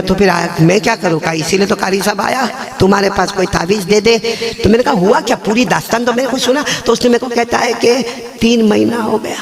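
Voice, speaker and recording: A man's voice: high-pitched, creaky, fairly bright tone. A man preaching a sermon to a live audience, telling stories, joking, and calling on the crowd to repeat after him. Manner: calls on crowd to repeat and respond. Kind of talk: live religious sermon with storytelling. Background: audience gathering.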